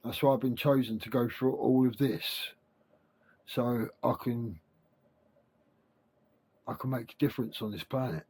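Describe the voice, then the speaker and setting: A man speaking without his teeth, with soft gummy consonants, giving a halting, repetitive, informal spiritual monologue to camera. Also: mid-range voice, breathy edge. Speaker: self-help video creator.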